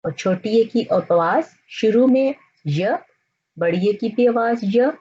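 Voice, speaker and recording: A woman teaching the alphabet, naming each letter and its sound slowly and deliberately. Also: fairly high pitch, expressive, mellow, husky, highs cut off. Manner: slow, deliberate, spells out letters and sounds one by one. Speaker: language teacher. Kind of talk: slow alphabet lesson.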